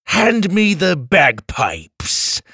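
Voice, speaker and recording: Man doing a sly snarly pirate captain, slow and gravelly, faint music behind. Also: high voice, wildly swooping pitch, bright, forceful tone, dry recording, studio quality, voice pushed up, full character voice. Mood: menacing. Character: snarling male pirate captain, scheming villain.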